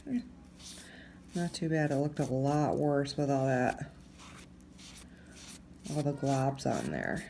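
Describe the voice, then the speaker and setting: Slow, gravelly-voiced woman instructor. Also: rumbling low, a little hiss or hum. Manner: slow, relaxed and chatty while working. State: hoarse from allergies. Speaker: tattoo instructor. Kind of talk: casual tutorial demo.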